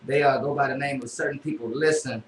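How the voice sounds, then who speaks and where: A man's voice: medium pitch, fairly even intonation, fast talker. Man, radio host, loose drawling chat, echoey studio, faint hiss. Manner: laid-back, drawling, many fillers. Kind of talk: casual interview chat. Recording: echoey room, faint noise.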